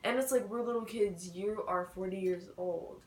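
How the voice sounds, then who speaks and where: A woman's voice: mid-range voice, normal speed, a little mellow, roomy sound, poor audio. A teenage girl telling a story in a casual vlog chat, full of "like" fillers. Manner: chatty, many "like" and "so, yeah" fillers. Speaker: vlogger.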